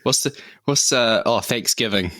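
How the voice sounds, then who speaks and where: A man co-hosting a casual podcast chat, laid-back and chuckling, with quick quips. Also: mid-range voice, bright, forceful tone, dry recording. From New Zealand. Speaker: podcast co-host.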